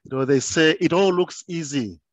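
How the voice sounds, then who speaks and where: A man, a professor, answering an interview question on a headset from his office, relaxed with fillers. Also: on the high side, normal speed, dry recording, highs cut off. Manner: relaxed, starts with fillers like you know. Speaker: professor and guest. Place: office indoors.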